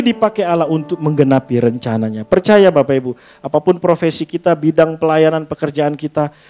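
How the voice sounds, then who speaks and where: A man preaching a lively sermon in a church, often asking the congregation for an amen and slipping in jokes and casual asides. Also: a little high. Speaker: pastor.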